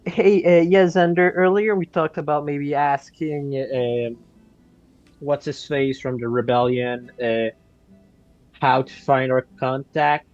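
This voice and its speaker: A man's voice: fairly high pitch, fairly even intonation, slow, darkish tone, dry recording, soft background music. Joking man at a game table. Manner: joking, rambling with fillers. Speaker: player. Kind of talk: casual game table chat. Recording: dull lo-fi recording.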